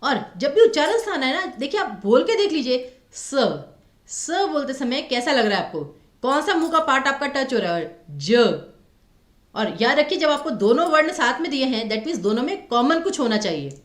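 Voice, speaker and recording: A woman with a Himachali Hindi accent teaches an exam-prep grammar class in a fairly high voice. She quizzes her students and draws out letters slowly. The room around her is echoey. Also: sing-song. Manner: asks students questions, sounds out letters slowly.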